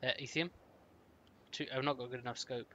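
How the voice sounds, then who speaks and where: A man's voice: medium pitch, fairly even intonation, quick pace, fairly bright tone. A man chatting casually while playing a game, muttering to himself as he loots. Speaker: player.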